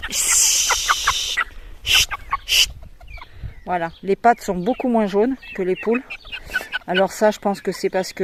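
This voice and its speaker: A French poultry breeder walks around outdoors holding her phone, chatting and explaining things in a casual walk-through video full of fillers. Her voice is medium-pitched, and the background is noisy with hens clucking.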